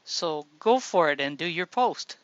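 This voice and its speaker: A woman's voice: low voice, lively intonation, a little slow, no echo. A woman hosting a casual group voice chat, upbeat and encouraging as she calls on each speaker. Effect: group voice chat audio. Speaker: host of a voice-chat showcase. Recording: dull lo-fi voice chat sound.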